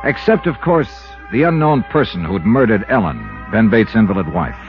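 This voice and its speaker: In a muffled 1950s radio drama with music, an American man plays a dogged, skeptical insurance investigator narrating his case. His fairly low voice swings widely in pitch at a moderate pace, with a clipped, hard-boiled delivery that feels brisk and wry.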